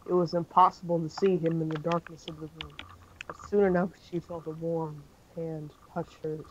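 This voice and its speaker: A man's voice: fairly high pitch, little pitch movement, normal speed, lo-fi sound, slight background noise. A man reading a fan-fiction story aloud in an amateur style, with occasional slips and self-corrections.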